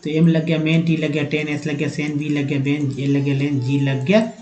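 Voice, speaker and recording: A man's voice: a little high, level tone, moderate pace, a little mellow, echoey room, low-quality recording. A man teaches English spelling and pronunciation, repeating letter patterns aloud and addressing viewers as friends.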